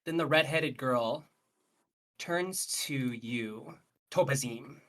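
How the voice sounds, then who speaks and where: A game master narrating a tabletop game, describing scenes in an unhurried way over faint music. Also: medium pitch, fairly bright tone.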